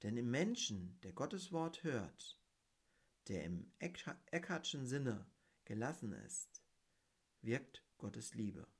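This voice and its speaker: Guy lecturing on mysticism, voice rises and falls a lot, takes his time, reads quotes in a deliberate way. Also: medium pitch, husky. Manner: measured and deliberate, stressing key words. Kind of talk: reflective spiritual talk with read quotations.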